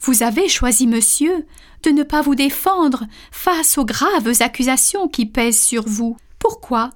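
A stern, measured judge speaks in a storybook tale, read by a woman. The formal lines come slowly, in a slightly high voice. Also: animated. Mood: solemn. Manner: formal, deliberate. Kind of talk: storybook reading.

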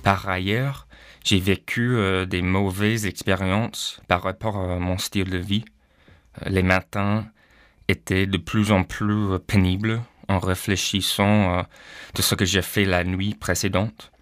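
Low-voiced hesitant man. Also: little pitch movement, unhurried, a bit bright, no echo, clean studio sound. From Canada. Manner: hesitant, frequent "euh" fillers. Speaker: pastor, guest. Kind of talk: personal testimony.

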